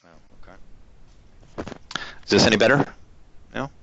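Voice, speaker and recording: A man's voice: medium pitch, slow, gravelly, a bit bright, dull audio, slight background noise. A man presenting an online webinar, his voice breaking up and fading out over a choppy call connection. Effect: choppy online call audio that keeps breaking up and fading.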